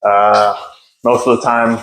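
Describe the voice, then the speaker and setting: Here a young podcast host from the United States delivers a casual, unplanned monologue at home into a phone on a stand, meandering and self-deprecating with many fillers. He speaks slowly in a lowish, fairly bright voice with little pitch movement.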